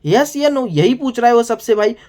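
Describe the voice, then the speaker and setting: A man's voice: extremely high pitch, expressive, normal speed, a little mellow. A man recapping a TV episode in a casual, rambling way, often addressing the viewer as "brother". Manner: rambling, fills every sentence with "here" and "brother"; exasperated asides to the viewer. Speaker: TV show reviewer.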